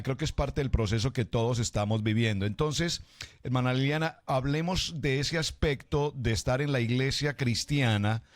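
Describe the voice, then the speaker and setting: Formal pastor hosting a radio show. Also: male voice, medium pitch. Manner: formal, warm greeting style, slow deliberate questions.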